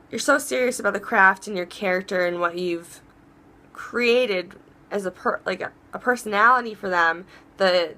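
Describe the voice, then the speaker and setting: A woman hosting a casual advice vlog, chatty and rambling, often restarting her sentences, and warm and encouraging toward her viewers. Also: mid-range voice. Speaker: vlog host.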